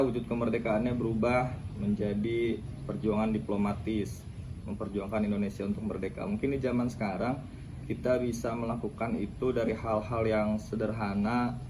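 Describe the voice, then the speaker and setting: Low-pitched guy in his 30s, teacher, pretty monotone, steady explaining, noisy background. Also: moderate pace. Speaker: high school teacher. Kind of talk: interview answers.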